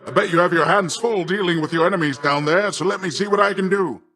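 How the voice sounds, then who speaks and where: A male actor voices a boastful, middle-aged sea god in a video game, a hearty, doting uncle. The voice lines are high-pitched, fast, pushed and bright, delivered in a grandiose, jovial, theatrical way.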